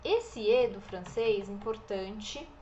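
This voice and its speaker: A woman teaching an online French lesson, enunciating slowly and carefully and drawing out example words. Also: mid-range voice, expressive, warm tone, highs cut off, slight background noise. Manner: slow, careful enunciation with drawn-out model words.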